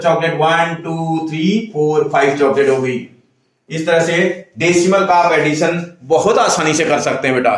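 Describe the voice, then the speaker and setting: A man's voice: on the high side, a bit bright, distant mic. A man teaching a maths lesson, patiently counting aloud and talking to the student as if to a child. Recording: echoey room, voice away from the mic.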